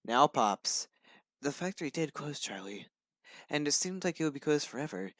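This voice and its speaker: A man's voice: on the high side, very animated, fairly quick, no echo. Young man reading a story playfully. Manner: hammy, playful storytelling with silly voices. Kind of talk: reading a story aloud to friends on a call. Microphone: phone.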